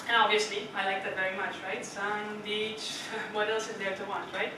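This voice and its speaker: Medium-pitched with little pitch movement and a moderate pace, this young Dutch woman gives a prepared club speech in a meeting room. She chats with the audience, asks them questions, and says "right?" often. Recorded far away, with echo and noise.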